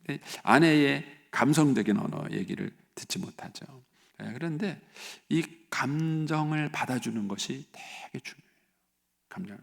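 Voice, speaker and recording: A man's voice: mid-range voice, lively intonation, normal speed, gravelly. A male pastor giving a conversational sermon at an early morning church service, with lots of filler words. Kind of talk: sermon at a dawn prayer service. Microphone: live-stream recording.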